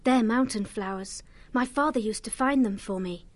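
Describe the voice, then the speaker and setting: Man voicing a soft young badger girl. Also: sits high, normal speed, pitched above the performer's own voice, close to an everyday voice. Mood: wistful. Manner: soft, wistful.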